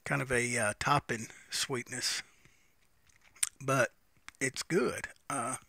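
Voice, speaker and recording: A man's voice: mid-range voice, fairly even intonation, slow, gravelly, sharp tone, no echo. A man giving a casual, unscripted, folksy review, musing and repeating phrases as he smokes a pipe between them. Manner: talks while smoking a pipe between phrases.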